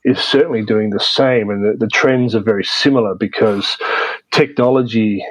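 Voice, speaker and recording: A man answering interview questions in a measured way, with many fillers and restarts. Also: on the low side, no room sound, rough recording. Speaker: interview guest, media producer. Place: based in Vietnam.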